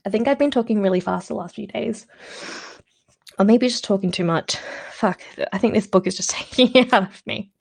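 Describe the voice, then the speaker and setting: Woman reader, livestream book reading, gravelly fry, giggly chatty asides. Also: medium pitch, fairly quick. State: slightly out of breath.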